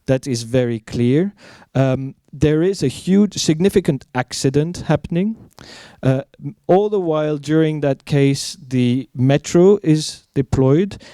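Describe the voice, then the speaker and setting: Academic guy answering questions, relaxed clear voice, stops and thinks between phrases. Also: on the high side, a little slow, dry recording, clean studio sound. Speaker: academic speaker. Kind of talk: spontaneous answer to audience questions.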